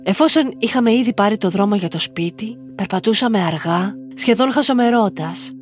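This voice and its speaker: A woman tells a listener's story in the first person, reading a script at an unhurried, even pace. Her voice sits in a middle pitch. Soft music plays faintly beneath her.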